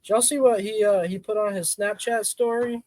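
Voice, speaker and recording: A man's voice: high voice, steady tone, normal speed, a little mellow, no echo. A man co-hosting a casual sports podcast, laid-back, often restarting his phrases. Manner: laid-back, stammers on restarts, says bro. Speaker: podcast co-host.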